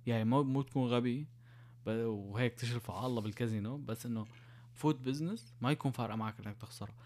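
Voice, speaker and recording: In a casual conversation, a young man with a Syrian Arabic accent leans on everyday examples and rhetorical questions to explain himself. His medium-pitched voice is a little mellow, and he talks at a quick pace.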